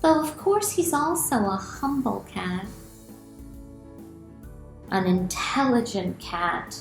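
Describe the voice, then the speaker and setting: Taking it slowly, a middle-aged children's author with a mid-range voice reads aloud and explains things expressively for young listeners. The small home room she's in is reverberant, and faint music plays behind her.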